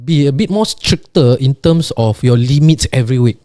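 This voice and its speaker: A man's voice: mid-range voice, moderate pace, dark tone, no room sound, studio quality. A man with a Singaporean accent explaining things casually in an interview, emphatic and repetitive, often tagging his sentences with "right" and "lah". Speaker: podcast guest.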